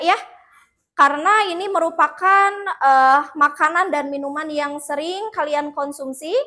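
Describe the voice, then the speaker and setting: A woman teaching an English lesson in a classroom, mixing two languages and leading slow repeat-after-me drills. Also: high voice, fairly bright tone.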